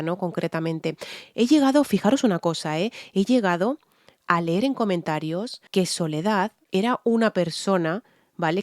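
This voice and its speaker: A Spanish vocal coach with a Spanish accent reacts to a singer's performance, explaining her candid analysis and frequently checking in with "¿vale?". Her medium-pitched, darkish voice is recorded clean in a studio, with no room sound.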